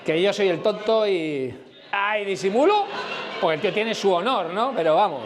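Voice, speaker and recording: A man's voice: high voice, animated, normal speed. A middle-aged man with a Madrid accent giving a conference talk, blunt and colloquial, firing questions at the audience. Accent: Madrid Spanish. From Spain. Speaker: conference speaker. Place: conference room before a live audience.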